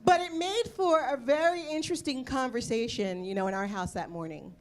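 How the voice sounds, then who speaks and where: A woman's voice: sits high, fairly quick. A woman performing a stand-up comedy set with a wry, punchy delivery. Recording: played clip of a stage show.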